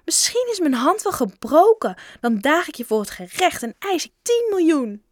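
Lady putting on a shrill whiny little girl, high and loud, storybook. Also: big pitch swings, normal speed, no echo, clean studio sound. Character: shrill greedy little red-haired girl. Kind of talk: storybook reading.

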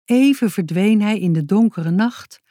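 Slow, mellow woman reading a storybook. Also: medium pitch, no room sound, clean studio sound. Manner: calm, measured storytelling. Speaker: narrator. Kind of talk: reading a children's book aloud.

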